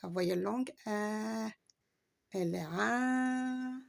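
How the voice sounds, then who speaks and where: A woman's voice: mid-range voice, drawn-out words, creaky. A woman giving a patient, step-by-step Arabic reading lesson, spelling out letters and stretching long vowels. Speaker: Arabic teacher.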